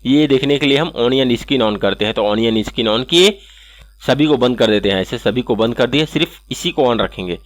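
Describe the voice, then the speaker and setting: A man hosting an animation software tutorial, walking through each step and checking in with "okay" again and again. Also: medium pitch, moderate pace, no echo. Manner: step-by-step, repeats "ठीक है" often. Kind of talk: screen-recorded software tutorial.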